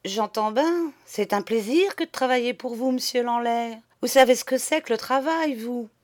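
A man's voice: very high voice, moderate pace, no echo, studio quality, pitched above the performer's own voice. A humble, stammering old peasant man, as a woman reader puts him on, poor and grateful, hesitating over every word. The voice sits a little raised above the reader's own in a storybook reading. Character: poor, timid old male rose-stock gatherer, humble and grateful.

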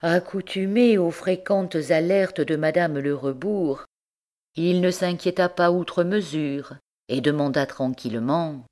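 A woman narrating a literary story in a measured, expressive way. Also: fairly low pitch. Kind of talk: audiobook narration.

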